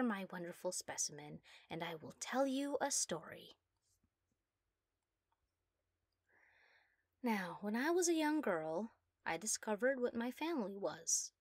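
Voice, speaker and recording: A woman plays a young female mad scientist in a soft ASMR role-play. She is giddy, proud and obsessively ambitious, with a theatrical, self-satisfied manner. Her mid-pitched voice sits close and dry, as in an audio horror drama. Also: no room sound, natural voice. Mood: chipper, reassuring, then earnest, fervent.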